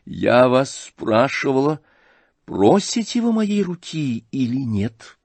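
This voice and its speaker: A man's voice: medium pitch, big pitch swings, slow, darkish tone, breathy edge, no room sound, pitched above the performer's own voice, full character voice. A male reader voicing a proud, mocking young noblewoman in an audiobook, questioning haughtily and pointedly. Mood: haughty.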